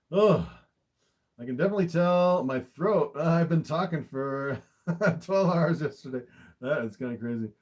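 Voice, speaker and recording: This snake keeper's voice is on the higher side for a man, with a darkish tone and a normal pace. He chats casually on a livestream, showing his animals to viewers, and he's easily amazed, frequently chuckling between comments.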